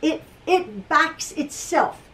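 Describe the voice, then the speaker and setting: A middle-aged woman with a high voice talks through a quilting tutorial in her home sewing room. She rambles and thinks aloud, restarting and correcting herself. Her voice is picked up a little away from the camera. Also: animated, slow, a bit bright. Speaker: quilting teacher. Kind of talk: casual tutorial talk. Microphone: camera across a table, from a distance. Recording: voice a little far from the mic.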